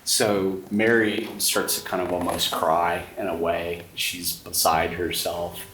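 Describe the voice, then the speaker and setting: A man's voice: low voice, level tone, slow, fairly bright tone. A man narrating a tabletop horror game as game master, describing scenes and talking directly to the players. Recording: roomy echo, distant mic, faint noise.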